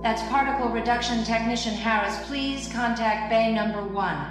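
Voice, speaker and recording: A woman playing a calm, formal facility announcer heard over a PA system, with music in the background. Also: on the high side, moderate pace. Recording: echoey loudspeaker in a long-reverb hall with music.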